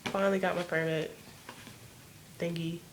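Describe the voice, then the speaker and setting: A woman's voice: fairly low pitch, flat delivery, normal speed, noisy background. A teenage girl telling a personal story to camera at home, rambling casually and leaning on "like" as filler. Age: teens. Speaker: vlogger. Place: home room.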